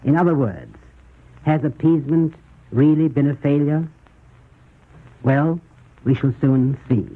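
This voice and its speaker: A man giving scripted 1930s radio news commentary in a measured, formal, rhetorical manner, with a husky voice. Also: fairly high pitch. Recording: muffled, tinny 1930s radio recording.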